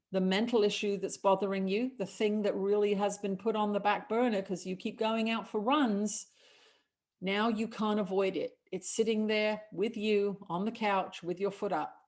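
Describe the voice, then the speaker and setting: Speaking as "we," a middle-aged spiritual channeler offers calm, measured guidance and talks with callers on the show she hosts. Her pitch is medium.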